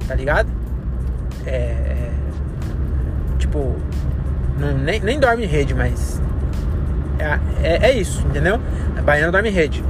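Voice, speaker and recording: Male, 30s, Brazilian, higher register, loose thinking-aloud monologue for a podcast taped while driving, music audible. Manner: rambling, slangy, thinking aloud. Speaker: comedian and podcast host. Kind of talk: casual solo podcast monologue. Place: inside a car while driving.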